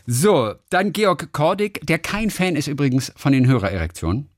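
Lively chatty male podcast host. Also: fairly high pitch, moderate pace, no room sound. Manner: reads listener mail aloud, jokey. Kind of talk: casual chat.

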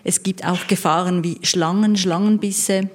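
Low-voiced woman discussing a novel. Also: fairly even intonation, measured pace, a little hiss or hum. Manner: explanatory, matter-of-fact. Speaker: book critic. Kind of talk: radio book discussion.

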